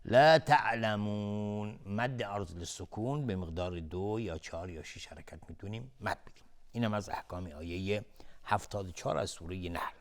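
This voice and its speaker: A man with a Persian accent teaching Quran recitation rules, chanting verses slowly and then explaining each rule quickly. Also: sits low. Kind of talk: tajweed lesson, recitation and explanation.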